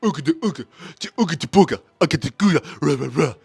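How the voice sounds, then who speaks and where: A man voicing a brutish giant male ape that grunts a loud nonsense chant. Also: a little high, expressive, fast talker, creaky, slightly rough, dry recording, full character voice. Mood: grunting.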